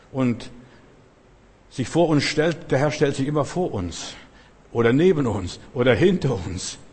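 A husky-voiced male preacher delivering an emphatic sermon, stacking repeated phrases and pushing up in bursts. His voice is slightly breathy and rings out with a long reverb, as if recorded in a church hall. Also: on the high side, a little mellow.

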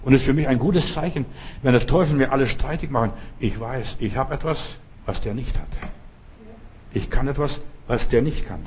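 A man's voice: mid-range voice, moderate pace, a little mellow, slight background noise. A man preaching a sermon with fervent, exhorting, repetitive appeals.

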